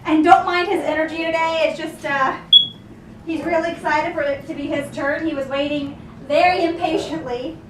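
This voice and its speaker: High-voiced woman dog trainer, roomy. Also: fairly even intonation, normal speed, far from the mic, noisy background. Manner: short cheerful commands and praise, sing-song encouragement. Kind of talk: puppy training lesson with spoken explanations. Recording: roomy sound, away from the mic.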